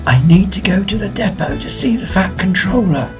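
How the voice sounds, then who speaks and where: A woman's voice: mid-range voice, expressive, normal speed, over music, voice pushed up, lightly acted. A woman voicing a loyal, cautious male engine in a storybook. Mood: confiding.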